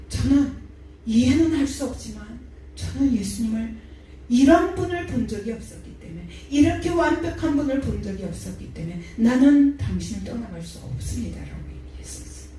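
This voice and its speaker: A woman giving an emotional testimony sermon, her voice climbing in pitch at the high points of the story. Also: lively intonation, fairly quick, mellow. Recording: echoey church hall from far off, faint noise.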